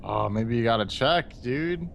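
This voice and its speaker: Slow, slangy young man bantering over a game. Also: medium pitch, animated, creaky. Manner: slangy, profane, teasing. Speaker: gaming co-commentator. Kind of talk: casual gaming banter. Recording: background noise under voice.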